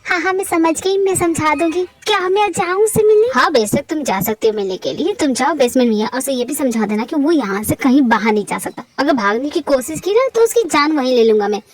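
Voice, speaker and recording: A woman voicing a naive, talkative sixteen-year-old girl in a Hindi fan dub, rambling and dramatic. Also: fairly high pitch.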